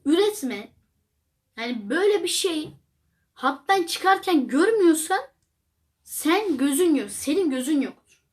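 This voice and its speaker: Young woman, high voice, rambling reaction-video host, exclaims often. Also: very animated, measured pace, long pauses. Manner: chatty, rambling, exclamatory, addresses viewers as friends. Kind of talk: casual reaction commentary.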